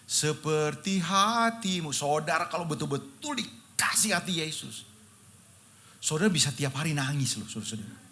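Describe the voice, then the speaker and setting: A man's voice: a little high, a bit bright. A middle-aged male pastor preaching an emotional, storytelling sermon, often addressing the congregation directly. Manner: repeatedly addresses listeners as brothers and sisters.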